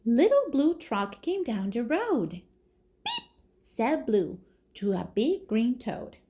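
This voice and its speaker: A woman reading a children's storybook aloud as a toddler teacher, in an expressive manner. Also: fairly high pitch. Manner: slow, animated, expressive.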